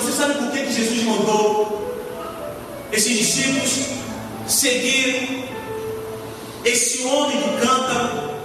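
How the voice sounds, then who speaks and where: A man from Rio de Janeiro with a Carioca accent, a deacon preaching a sermon with emphasis and repeating his key phrases. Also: very high-pitched. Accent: Carioca Brazilian Portuguese. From Rio de Janeiro, Brazil. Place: church hall. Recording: echoey hall, mic far off. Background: music playing.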